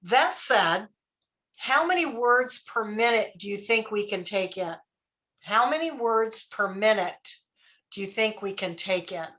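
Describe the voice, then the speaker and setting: A woman's voice: medium pitch, animated, a little slow, bright, forceful tone. A woman leadership coach giving a live workshop, talking conversationally, quizzing her audience and checking in with "right?" and "okay?".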